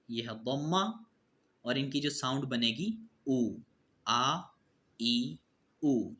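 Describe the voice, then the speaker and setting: A man with a Pakistani Urdu accent teaches a Quran reading lesson. He explains the rules step by step, then says each letter sound slowly and with stress. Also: medium pitch, sharp tone. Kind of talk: children's Arabic alphabet lesson.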